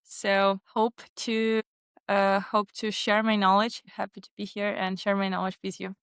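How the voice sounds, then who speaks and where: Ukrainian-accented woman, smooth dry voice. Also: medium pitch, monotone, a little slow, fairly bright tone, no room sound. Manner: non-native phrasing with frequent restarts. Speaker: guest, agency founder. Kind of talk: casual interview answers.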